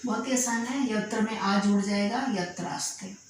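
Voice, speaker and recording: A woman's voice: mid-range voice, normal speed. Patient woman teacher in an echoey room. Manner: patient, explanatory, checks in with "is it clear". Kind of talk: classroom grammar lesson. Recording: very echoey room with faint noise.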